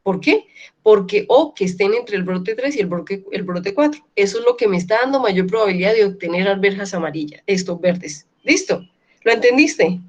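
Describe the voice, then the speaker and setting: A woman lecturer teaching an online class, often checking in with her students and slowly repeating key words. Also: mid-range voice, lively intonation. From Colombia. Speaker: university lecturer.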